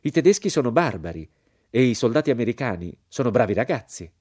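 A man's voice: medium pitch, very animated, fast talker, a little mellow, breathy edge, no echo, clean studio sound, pitched above the performer's own voice. A man reading as a haughty, moralizing older American society woman, cold and indignant.

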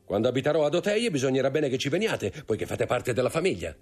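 A man's voice: mid-range voice, big pitch swings, fast, a little mellow, slightly rough, soft background music, pitched above the performer's own voice. A man voicing a cold, imperious nobleman who gives orders with cool irony. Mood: commanding. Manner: commanding, coolly ironic. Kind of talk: audiobook character voice.

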